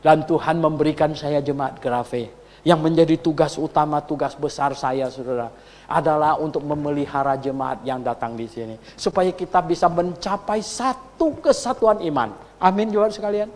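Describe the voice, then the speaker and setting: A male pastor preaching a sermon, telling a story and asking the congregation for agreement, rising to loud, high emphasis. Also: normal speed. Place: church hall. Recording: long hall reverb.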